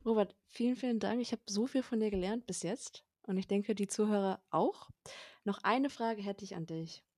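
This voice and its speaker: A woman's voice: medium pitch, moderate pace, darkish tone, dry recording, studio quality. A woman hosting a podcast, interviewing a guest with attentive follow-up questions. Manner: attentive, short acknowledgements. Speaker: podcast host.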